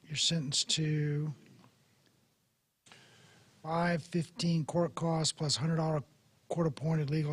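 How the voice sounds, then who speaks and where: A male judge with a raspy voice that is giving out, running court proceedings in a formal, procedural way. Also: a little high. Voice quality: raspy, husky. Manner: procedural, reading out case details in clipped phrases. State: losing his voice, throat-clearing. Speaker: judge presiding over court hearing.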